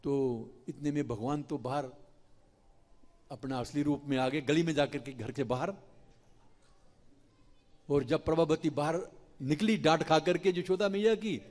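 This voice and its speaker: A male preacher telling a devotional story in an animated, dramatic way. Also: fairly high pitch, a little slow, pauses often, in a large hall. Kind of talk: storytelling sermon. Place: temple hall.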